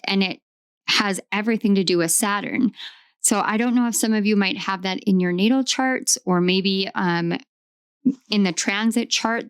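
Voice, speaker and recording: A woman giving a channeled tarot reading, talking with eager enthusiasm and often pausing to search for the right words. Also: mid-range voice, smooth, no echo, studio quality. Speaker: tarot reader.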